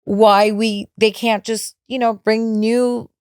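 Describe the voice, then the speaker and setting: A woman's voice: fairly high pitch, flat delivery, takes it slowly, darkish tone, smooth, dry recording, clean studio sound. Laid-back woman talking with many fillers. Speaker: podcast co-host. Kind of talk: casual chat.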